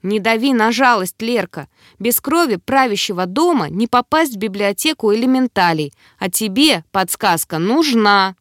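A woman's voice: on the high side, animated, moderate pace, dry recording, clean studio sound, natural voice. A woman voicing a small, sly male demonic keeper who teases and gloats in a lecherous, wheedling way for an audiobook. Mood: urgent. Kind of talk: audiobook character voice.

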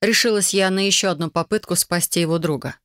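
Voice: mid-range voice, quick pace, a bit bright, no room sound. First-person fantasy audiobook narrator, emotional telling, dry close recording.

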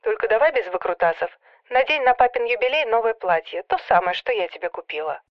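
A woman reading an audiobook voices the heroine's anxious sister, soft, coaxing and a little whiny. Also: on the high side, lively intonation, fast talker, no room sound, highs cut off, close to an everyday voice. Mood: pleading. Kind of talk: audiobook character voice.

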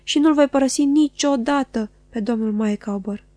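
A woman's voice: sits high, warm tone, no echo, close to an everyday voice. A woman voicing an emotional, melodramatic middle-aged wife who declaims her loyalty insistently in an audiobook. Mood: tearful, dramatic. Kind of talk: audiobook character voice.

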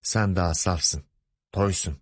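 A man's voice: sits low, steady tone, slow pace, slightly rough, no room sound, clean studio sound, full character voice. A man voicing a pompous, lecherous middle-aged male boss in an audiobook, wheedling and bossy by turns. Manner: wheedling, grumbling, commanding.

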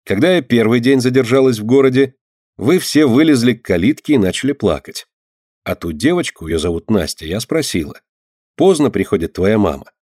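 Brief: male reader as a kindly, serious mother, measured and instructive, mid-pitched, dry sound. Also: lively intonation, darkish tone, breathy edge, no room sound. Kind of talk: audiobook character voice.

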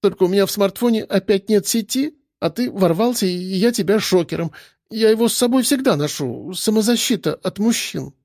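Man doing a spoiled young woman, thin squeaky voice, whiny, accusing, high and shrill, dry close sound. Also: expressive, fairly quick, a little mellow, no echo. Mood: indignant. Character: young woman Milana, spoiled, tearful and indignant.

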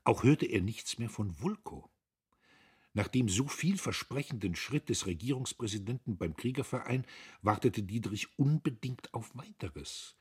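A man with a husky voice narrating a classic novel as an audiobook, in an expressive, theatrical reading. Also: medium pitch, moderate pace.

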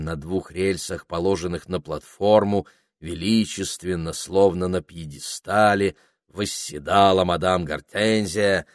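A man reading a children's story aloud as narrator, slow and expressive. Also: low voice, dry recording, studio quality. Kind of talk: audiobook narration.

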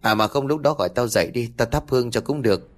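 A man's voice: mid-range voice, quick pace, voice pushed up, natural voice. A man voicing a frightened, superstitious male truck driver warning his nephew. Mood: cautioning. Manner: anxious, trembling.

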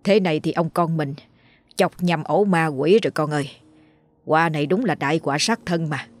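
A woman putting on a hushed, fearful old man. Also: moderate pace. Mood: dismayed. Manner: low, hushed and fretful. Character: frightened old male village healer.

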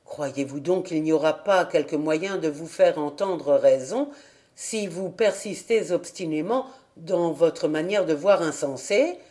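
An audiobook reader voicing an earnest village pastor who speaks in a measured, persuasive way. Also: medium pitch, animated, a little mellow, close to an everyday voice. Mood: reproachful. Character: earnest village pastor, middle-aged man. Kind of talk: audiobook character reading.

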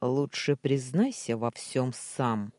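A woman's voice: a bass voice, expressive, slow, dark tone, dry recording, full character voice. A woman voicing a cold, mocking young hero.

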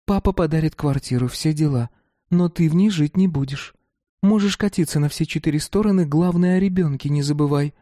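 Man putting on a young woman, blunt, coarse, scornful, high strained voice, storybook reading. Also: fairly quick, mellow, no echo, studio quality, lightly acted. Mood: dismissive. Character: young woman, brash rich girl, harsh.

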